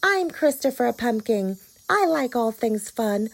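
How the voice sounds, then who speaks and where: A woman voicing a cheerful, friendly boy pumpkin in a children's storybook, with a bright and eager manner. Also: fairly high pitch, lively intonation, measured pace, vocal fry, pitched above the performer's own voice, heavily acted. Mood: delighted.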